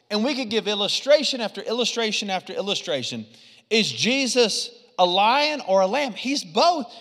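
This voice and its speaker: A man preaching a lively sermon, swinging from loud punches to quiet asides. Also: high-pitched, big-room sound. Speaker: pastor.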